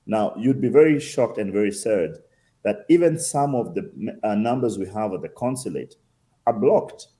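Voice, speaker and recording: Kenyan accent guy being interviewed, lively pitch, mellow tone, makes points with questions and repeats. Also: moderate pace. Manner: emphatic, uses rhetorical questions and repetition. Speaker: interview guest, consul general. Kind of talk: conversational interview answers.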